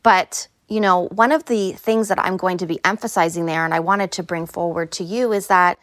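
A woman's voice: on the low side, steady tone, moderate pace, a bit bright, no echo. Woman podcaster talking casually, dry closet sound. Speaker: podcast host. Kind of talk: casual solo podcast talk. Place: small clothes closet. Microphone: phone, no headphones.

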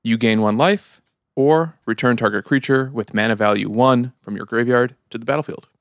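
A man's voice: mid-range voice, moderate pace, dry recording. Guy hosting a chill podcast, upbeat plug reads, dry close sound. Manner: upbeat, reads sponsor and patron plugs. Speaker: podcast host. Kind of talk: casual podcast chat.

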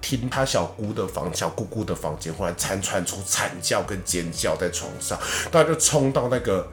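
A man, co-hosting a podcast and telling stories in a casual, animated way. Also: low voice, brisk, faint music behind. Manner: animated, acts out the characters in his stories. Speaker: podcast co-host. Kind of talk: casual storytelling chat.

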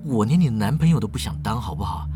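A storyteller voicing an exasperated young man who speaks low and quiet. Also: expressive, fast, music in the background, natural voice.

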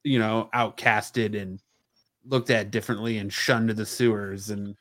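A man's voice: lowish voice, little pitch movement, measured pace, a bit bright. A man cohosting a podcast, chatting casually and rambling a little as he searches for words in a movie review. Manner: rambling, searches for words, frequent "you know".

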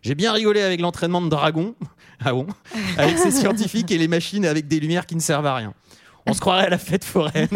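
A man co-hosting a podcast, reading viewer reviews aloud in a jokey, self-deprecating way and laughing often. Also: sits high. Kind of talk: casual chat.

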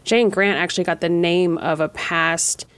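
A woman's voice: fairly low pitch, fairly even intonation, moderate pace, a bit bright, smooth, dry recording. A woman hosting a casual podcast chat, reflective and conversational, musing as she talks.

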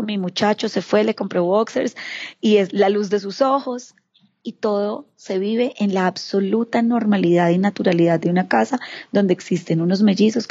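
Paisa colombian lady telling family stuff in an interview, acts out her relatives, warm mellow voice, kinda muffled audio. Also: mid-range voice. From Colombia, Antioquia region. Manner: animated, acts out quoted relatives. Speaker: interview guest, mother. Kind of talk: emotional personal storytelling.

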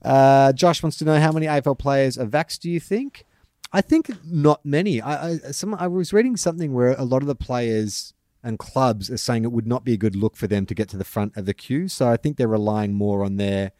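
A man's voice: medium pitch, fairly quick, dark tone, dry recording, studio quality. Wry man co-hosting. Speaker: podcast co-host. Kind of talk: casual comedy chat.

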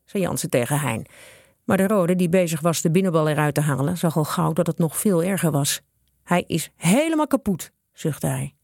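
A woman reading a children's story aloud in a lively narrating manner. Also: fairly low pitch, no room sound, clean studio sound. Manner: lively, with character voices.

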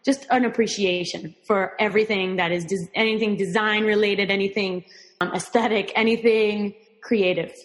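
Here a woman speaks at normal speed in a mid-range voice with fairly even intonation, on a rough recording with a long reverb tail. A Miami, Florida native whose first language was Spanish, she's a performing artist chatting casually as an interview guest. She reflects on herself thoughtfully, often starting over and laughing warmly.

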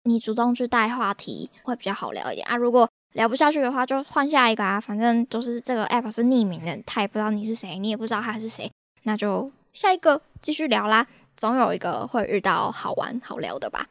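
Taiwanese-accented young woman host, high bouncy voice, dry close sound, chatty and exasperated storyteller. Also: expressive, fast, a bit bright, no room sound. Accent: Taiwanese Mandarin. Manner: chatty, exasperated, laughs at her own stories. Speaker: podcast host. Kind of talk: casual podcast storytelling.

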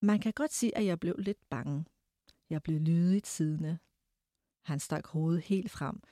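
Low, mellow-voiced woman reading. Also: no echo, studio quality. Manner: measured, hesitant in discussion with fillers. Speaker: guest reader. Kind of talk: reading a novel aloud, then discussing it.

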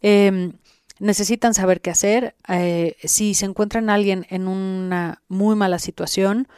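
A woman's voice: medium pitch, fairly even intonation, a little slow, darkish tone, clear, resonant tone, dry recording, studio quality. A woman with a Mexican Spanish accent, speaking as an interview guest in an instructive way, addressing the listener directly. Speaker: interviewed guest who guides sessions. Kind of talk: explanatory podcast interview.

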